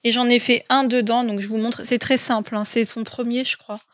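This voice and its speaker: A woman's voice: fairly high pitch, flat delivery, fairly quick, no room sound. Chatty gushing woman, dull dry sound. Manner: chatty and gushing, frequent "euh" and repeats. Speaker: coloring book vlogger. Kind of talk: casual chat showing books.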